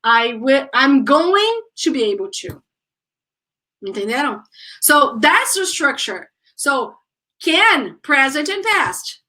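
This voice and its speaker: Brazilian woman English teacher, high-pitched, bright voice, step-by-step explaining, frequent "okay, guys?". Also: sing-song, slow pace, poor audio. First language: Portuguese. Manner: speeds up when explaining in Portuguese. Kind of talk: online English lesson, switching to Portuguese.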